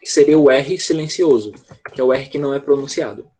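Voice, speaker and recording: A man's voice: medium pitch, brisk, mellow, breathy edge. A man teaching English in an online class, explaining step by step and checking often that students follow. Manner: explanatory, with frequent "tá?" check-ins.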